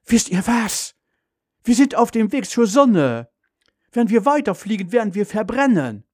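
A man doing a gentle dreamy mom. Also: medium pitch, measured pace, no echo, studio quality, close to an everyday voice. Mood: excited. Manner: soothing, then excited.

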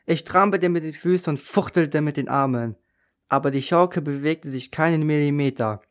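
A man's voice: fairly high pitch, moderate pace. A man reading a children's story on the radio, narrating in the first person.

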